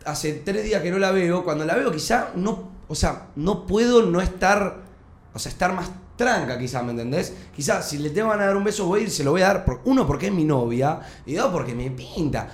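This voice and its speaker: Animated young Argentine man, echoey room. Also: high voice, brisk. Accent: Rioplatense Spanish. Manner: animated, slangy, defensive. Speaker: podcast co-host. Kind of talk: casual chat.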